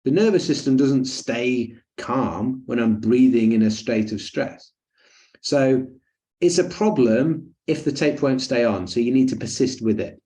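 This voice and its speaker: A man's voice: medium pitch, measured pace, mellow. A man teaching a breathing webinar in a chatty, jokey way with lots of fillers and asides. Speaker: breathing coach.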